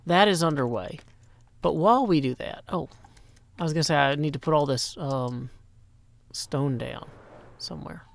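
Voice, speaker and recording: On the high side and at normal speed, this Nashville man's voice has vocal fry and long pauses. Middle-aged and a bit tired, he chats casually on a live stream into a stand-mounted mic, with playful rhymes and long strings of greetings.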